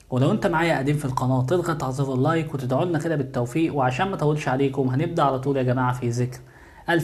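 A man with an Egyptian accent hosts his channel, giving casual spiritual how-to instructions, often calling out to viewers and answering his own questions. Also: fairly high pitch. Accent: Egyptian Arabic. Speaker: YouTube channel host.

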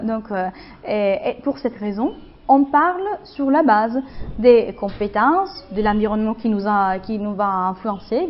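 A woman explaining linguistics concepts in a university class, hesitant, with many fillers, and stopping to check whether her listeners follow. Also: a little high. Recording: dull lo-fi classroom recording.

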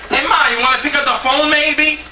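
A man's voice: very high-pitched, fairly even intonation, a little fast. A man filming at home and heckling with irritable, mocking swearing, captured on an old VHS home video. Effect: old VHS home video tape. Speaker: camera operator. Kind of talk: casual heckling while filming. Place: home, indoors. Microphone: camcorder mic. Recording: hissy, roomy old VHS tape, mic far off.

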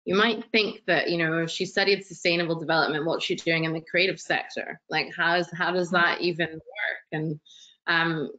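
A young woman in her twenties talks with bright, forceful energy and an expansive, enthusiastic manner, gesturing as she goes. She is a guest on an online panel, heard through a laptop webcam. The call audio is dull and lo-fi. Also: on the low side, steady tone, normal speed. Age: 20s. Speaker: webinar guest. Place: living room at home. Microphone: laptop webcam video call.

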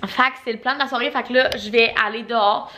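A woman's voice: on the high side, fairly even intonation, fast talker, pushed and bright. Chatty Québécois woman vlogger in her twenties. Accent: Québécois French. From Quebec, Canada. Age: 20s. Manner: chatty and rambling, heavy on fillers. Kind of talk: casual chat to camera.

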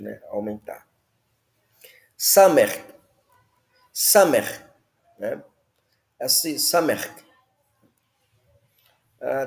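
A man's voice: medium pitch, gravelly, darkish tone, reverberant. A man teaching the Hebrew alphabet, patiently repeating words and checking in with listeners. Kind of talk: slow classroom explanation.

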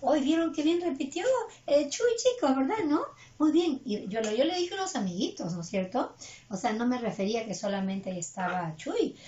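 A woman teaching an online class for small children, patient and coaxing. Her voice is high and lively, rising and falling in a sing-song way, and the recording sounds dull and lo-fi. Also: normal speed. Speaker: preschool English teacher.

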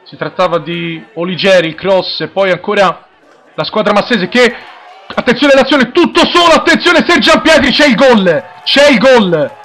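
An Italian man commentating live on a football match, pitched fairly high and shouting out the goal call in breathless excitement. He repeats phrases insistently, with a crowd audible behind him. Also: normal speed. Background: crowd at a football ground.

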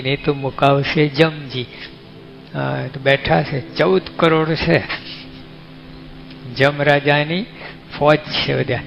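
Slow-speaking Gujarati monk, lo-fi. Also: male voice, mid-range voice, creaky, fairly bright tone, slight background noise. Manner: folksy, conversational, asks the listeners questions. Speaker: monk giving a discourse. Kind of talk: sermon. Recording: dull lo-fi recording with faint music.

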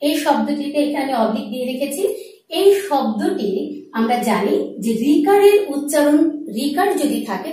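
High-voiced woman teaching in an echoey room. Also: mellow, recorded from a distance. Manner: explains step by step, asks and answers her own questions. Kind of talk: board lesson on Bengali pronunciation.

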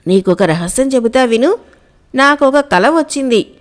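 A woman's voice: sits high, expressive, a little slow. A woman voicing a scheming landlord's wife who persuades her servant in a storybook tale. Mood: coaxing. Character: scheming zamindar's wife, middle-aged woman.

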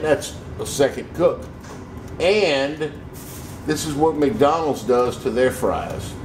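A slow, folksy Southern US man chats casually as he cooks at home. His pitch sits in an ordinary middle range and he takes his time. A steady, clearly audible noise hums behind him in the kitchen. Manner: folksy, unhurried, plain-spoken with mild swearing. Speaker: home cook demonstrating a recipe. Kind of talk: casual cooking vlog.

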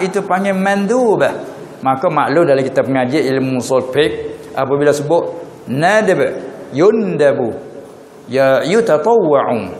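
A man's voice: fairly high pitch, a little hiss or hum. A man from southern Thailand with a Patani Malay accent, giving a religious lecture and putting questions to his listeners. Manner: questioning listeners, drawn-out Arabic terms. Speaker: religious teacher. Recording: echoey hall recording.

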